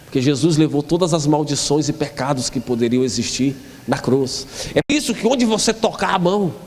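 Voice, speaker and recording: A man preaching a sermon as pastor, shouting out at moments and acting out the words of the people he quotes. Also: fairly high pitch, lively intonation, a little fast, big-room sound.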